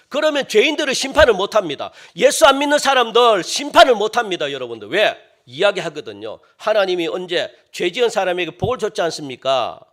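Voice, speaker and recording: A man preaching a sermon as pastor, with lively swings between loud exclamations and quiet asides. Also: high voice.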